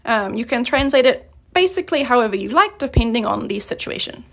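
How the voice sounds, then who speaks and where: A woman from New Zealand teaching a live-streamed grammar lesson, explaining patiently and clearly, slowing down on her examples. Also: on the high side, animated. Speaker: Korean language teacher.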